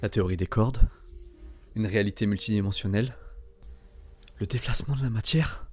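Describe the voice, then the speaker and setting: A man's voice: on the low side, a little fast, a little mellow, natural voice. A man playing a friendly, flustered, talkative young male superhero in amateur film dubbing. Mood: bewildered, earnest.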